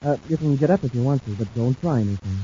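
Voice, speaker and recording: An actor playing an eager, loyal young space cadet sidekick, earnest and deferential, in 1950s radio serial style. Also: male voice, medium pitch, expressive, quick pace, mellow, breathy edge. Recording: muffled, noisy old radio broadcast recording.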